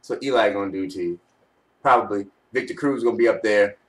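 A man's voice: on the low side, brisk, a bit bright. Young guy talking football trash casually, slangy, webcam in a bedroom, little bit off mic. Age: young adult. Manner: slangy, teasing trash talk. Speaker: sports fan vlogger. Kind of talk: casual postgame commentary. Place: small bedroom, indoors. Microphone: webcam at arm's length. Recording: home webcam, slightly distant mic.

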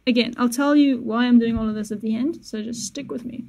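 Speaking fairly quickly, with a creaky edge to a fairly high, mellow, soft-edged voice, a young woman walks through music software in an easygoing screen-recorded tutorial. As a music producer and host, she explains step by step with self-correcting asides, close to a boom-mounted studio mic and wearing headphones in a small treated room.

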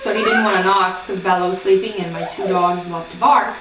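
A woman's voice: lowish voice, fairly even intonation, a little fast, background noise. Chatty woman on a roomy distant webcam. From Brazil. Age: 20s. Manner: chatty, rambling, many ums. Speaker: vlogger. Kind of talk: casual chat to camera. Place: small room indoors by a door. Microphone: camera across the room. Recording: roomy, distant home camera.

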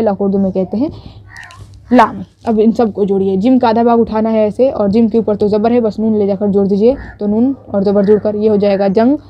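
Patient woman teaching writing step by step. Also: mid-range voice. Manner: patient, repeats each step, checks in with students. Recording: dull lo-fi audio.

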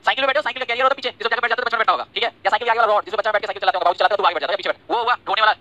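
A man teaching English vocabulary in a live class, talking quickly and checking over and over that the students follow. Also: high voice, fairly even intonation, bright, forceful tone, dry recording, poor audio. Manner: rapid, repetitive checks like "ठीक है?" and "समझे?"; scolds and teases students by name. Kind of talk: online class lecture in Hindi and English.

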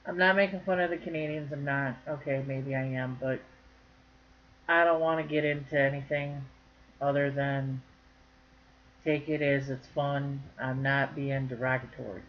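A woman's voice: very deep voice, fairly even intonation, normal speed. Woman, crochet vlogger, casual chat to camera, folksy, joking, slightly dull lo-fi recording. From northern Michigan.

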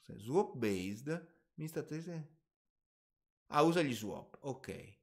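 A man's voice: medium pitch, lively intonation, takes it slowly, darkish tone. A man hosting a casual live stream about personal finance, reading viewer questions aloud and answering off the cuff with hedges and asides. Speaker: finance channel host.

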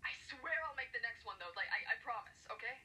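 A woman voicing a busy, flaky female pet DJ who stammers through rushed apologies. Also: on the high side, sharp tone, distant mic, low-quality recording. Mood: apologetic. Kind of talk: amateur fan voice acting.

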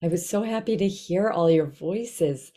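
Low-pitched older woman teaching children. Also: a little slow, mellow. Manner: simple, encouraging step-by-step instruction. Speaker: children's author teaching about emotions. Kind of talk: gentle lesson for children over video call. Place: small indoor room at home. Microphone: video call, computer mic at desk distance.

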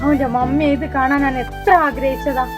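A gentle young daughter-in-law, played by a woman in a homemade short drama, with a high, soothing voice. She speaks over clearly audible background music. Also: level tone, normal speed, natural voice. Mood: consoling. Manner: soothing, consoling. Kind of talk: amateur short-video drama. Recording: music clearly heard behind voice.

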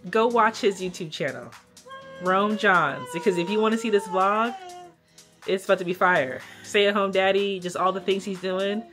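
A woman's voice: medium pitch, moderate pace. A woman in her thirties, a mother vlogging, talking in an upbeat, chatty way straight to her viewers. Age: 30s. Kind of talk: casual vlog chat. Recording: background music. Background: music playing under the talk.

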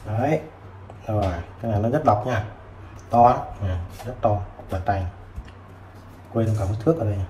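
A man selling used tools who chats casually while showing old multimeters, filling pauses with short words. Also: lowish voice, a little mellow, soft background music. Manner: chatty, fills with "đấy" and "rồi". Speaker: used tool seller. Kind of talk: casual product demo. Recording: roomy with faint background noise.

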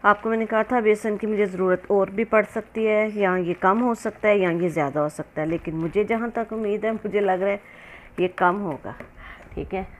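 With a medium-pitched, steady voice at normal speed, a home cook hosting a cooking channel guides listeners through a recipe step by step. Her manner is casual and instructional, and kitchen sounds are clearly audible in the background.

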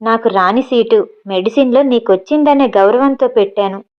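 A woman voices a proud, educated young woman who works as a cook and answers back bluntly, in a defiant mood with cutting, matter-of-fact retorts. Her voice is a little high and close to everyday speech, at normal speed, with the highs cut off.

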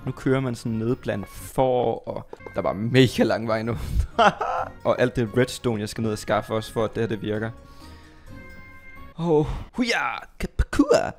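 A Danish man commentating his Minecraft play, chatty and excitable, talking to viewers and to his pet, squealing when startled. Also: on the low side, soft background music. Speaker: gaming YouTuber.

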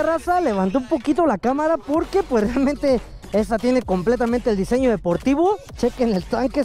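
A man with a Mexican accent, chatting excitedly to his viewers while riding a motorcycle outdoors and racing a friend. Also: extremely high pitch. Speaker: motovlogger. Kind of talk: casual ride commentary. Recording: loud music over road and engine noise.

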